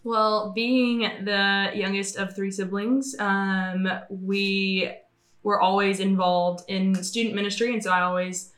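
A nineteen-year-old woman on church ministry staff, talking earnestly and at a measured pace on a podcast. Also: medium pitch, a bit bright. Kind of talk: casual podcast conversation. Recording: echoey room.

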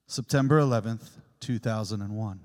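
A man's voice: lowish voice, moderate pace, darkish tone. A man giving a reflective, personal homily in an earnest storytelling way, his voice ringing with a long cathedral echo in a large church. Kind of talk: reflective sermon.

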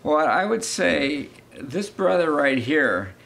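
A man's voice: fairly high pitch, very animated, slow pace, creaky, fairly bright tone. Earnest man speaking eagerly at home. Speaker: homeowner and guest. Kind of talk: casual interview.

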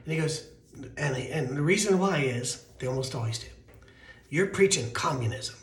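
American male pastor, thin weak voice a bit high, conversational storytelling sermon, roomy echo. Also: expressive, fairly quick. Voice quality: thin, weakened voice. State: voice weak from allergies. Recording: roomy, echoing sound.

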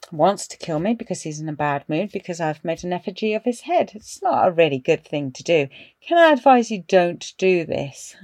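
A woman's voice: sits low, no echo, clean studio sound. Woman telling a ghost story. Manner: animated storytelling, dropping to hushed tones for suspense. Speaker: podcast host. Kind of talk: casual spoken ghost story.

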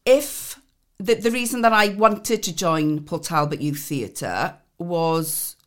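Middle-aged female interview guest, Swansea accent, notably low register, conversational delivery. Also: slow pace. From Swansea, Wales. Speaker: podcast guest, actor and drama tutor.

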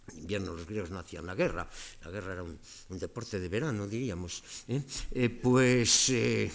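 An older man from Spain with a Castilian accent, giving an academic lecture and tagging nearly every phrase with a questioning "eh" or "no.". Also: mid-range voice. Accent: Castilian Spanish. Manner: digressive, tags phrases with frequent "eh" and "no". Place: lecture hall.

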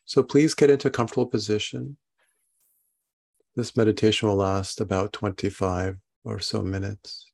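A man guiding a body scan meditation in a calm, soothing, halting manner with long pauses between phrases. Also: on the low side, gravelly. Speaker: meditation guide.

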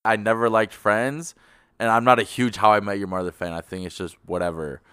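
Very deep-voiced man, smooth and dry. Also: fairly even intonation, a little fast, fairly bright tone, no echo. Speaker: podcast co-host. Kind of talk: casual podcast chat.

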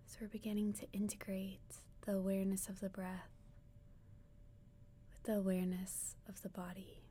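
With a medium pitch and level tone, a woman narrates a guided meditation as if telling a sleep story. She speaks in a soothing, breathy near-whisper, soft and gentle, pausing at length.

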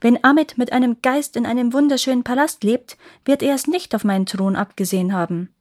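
A woman's voice: fairly high pitch, a little fast, a little mellow, pitched above the performer's own voice, lightly acted. A woman voicing a mistrustful male king who commands his son. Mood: commanding. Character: mistrustful aging male king, scheming father.

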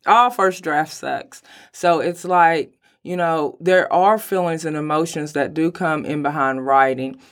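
A woman with a hoarse voice, sick lately, talking casually and emphatically as an interview guest about her own work. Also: sits low, a little slow, a bit bright. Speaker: podcast guest, writer.

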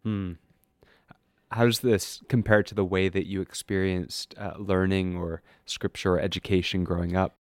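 Deep-voiced man hosting an interview. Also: level tone, moderate pace, no room sound, studio quality. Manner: attentive, asks open questions. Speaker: interview host.

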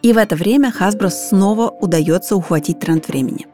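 A woman's voice: medium pitch, a little fast, dark tone. A woman giving explanatory, scripted documentary narration. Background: background music.

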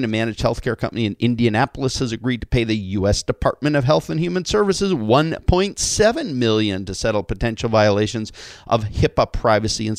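A man's voice: medium pitch, dry recording, clean studio sound. A man from Canada hosting an industry podcast, reading news items and then interviewing a guest in a friendly, chatty way. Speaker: podcast host.

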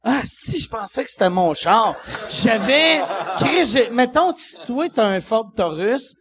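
A man's voice: very high voice, sing-song, measured pace, a crowd in the background. A man with a Québécois accent, a podcast host chatting casually and joking with his guests. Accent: Québécois French. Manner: joking, chiming in with laughter. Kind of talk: casual chat.

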